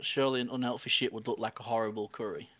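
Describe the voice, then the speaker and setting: A man's voice: mid-range voice, fairly even intonation, racing, a bit bright. A man with a mid-range voice co-hosts a casual podcast chat. He reads out listener questions in a dry, matter-of-fact way. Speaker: podcast co-host.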